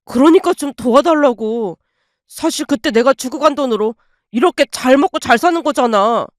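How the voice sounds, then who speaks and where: A woman voicing a sick, shameless middle-aged father who pleads in a low, slow, whining voice. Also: expressive, dry recording, studio quality.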